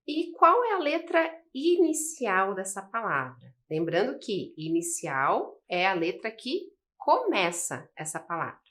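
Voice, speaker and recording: Slow, patient Brazilian woman teacher. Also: medium pitch, sing-song, a bit bright. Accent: Brazilian Portuguese. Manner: slow, patient explaining with frequent "né?" and "ok?". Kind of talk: recorded video lesson.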